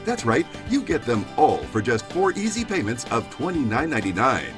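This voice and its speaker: A man reading an infomercial sales pitch as an announcer, emphatic and salesy. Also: big pitch swings, normal speed, music in the background. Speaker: advertisement announcer.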